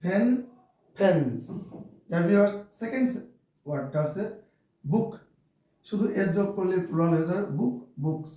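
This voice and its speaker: A man's voice: sits high, expressive, moderate pace, pauses often, warm tone. A man with a Bengali accent teaching an English grammar lesson, often calling out "dear viewers" and spelling words letter by letter. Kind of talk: classroom lesson to camera. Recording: very echoey room, voice from far off.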